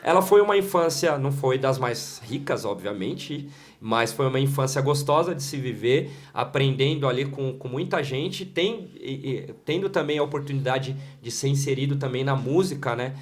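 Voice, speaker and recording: Male interview guest, São Paulo accent, relaxed storyteller full of fillers, mid pitch, roomy distant sound. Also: moderate pace. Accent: São Paulo Portuguese. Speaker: guest, creative director and videomaker. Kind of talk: casual interview conversation. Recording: echoey room, distant mic, faint noise.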